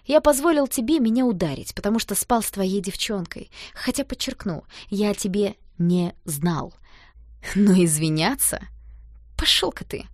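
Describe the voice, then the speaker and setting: A woman's voice: medium pitch, animated, normal speed, dry recording, clean studio sound, natural voice. A woman reading the part of an arrogant, mocking young man in a storybook. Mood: smug. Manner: mocking, condescending.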